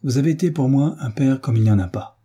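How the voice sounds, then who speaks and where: A man's voice: mid-range voice, fast talker, dark tone, husky, voice pushed up, natural voice. A man voicing an earnest, resolute young man pleading with his father. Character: young nobleman son, earnest, devoted, resolute.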